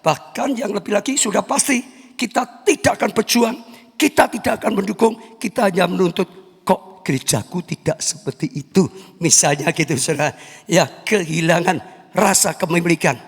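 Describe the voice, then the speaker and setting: A high-voiced man preaching a sermon. His voice is husky and carries a long reverb from the church hall. He speaks to the congregation directly and puts on the voices of the people he quotes. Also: fairly quick. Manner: addresses congregation as "saudara", acts out quoted family members. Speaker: pastor.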